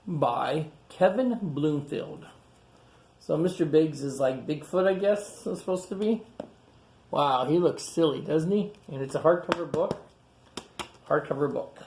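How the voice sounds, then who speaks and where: Hosting storytime, this man reads a picture book aloud to kids and pauses to indicate and discuss the pictures with simple, repetitive wording. His voice is a little high with a darkish tone.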